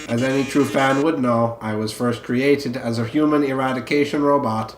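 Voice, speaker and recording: A man voicing a theatrical, menacing robot TV star with dramatic pauses, reading game dialogue aloud. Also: mid-range voice, fairly even intonation, slight background noise, close to an everyday voice. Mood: ominous. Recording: echoey room, game music behind.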